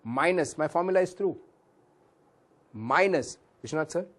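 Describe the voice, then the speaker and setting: A man's voice: a little high, animated, moderate pace. A man with an Indian English accent teaching a valuation workshop, whose voice cracks at times; he calls the listeners sir and drops into Hindi phrases. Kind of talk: classroom lecture with audience questions.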